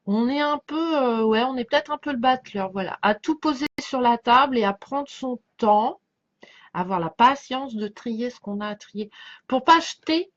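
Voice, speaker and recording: A woman with a fairly high voice and a slight lisp talks casually, as a tarot reader would to followers. She rambles, doubles back and lets sentences drift off unfinished. The sound is somewhat dull and lo-fi. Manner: halting, circling back, trailing off mid-thought. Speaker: tarot card reader giving a reading to followers. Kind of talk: casual rambling chat over a tarot spread.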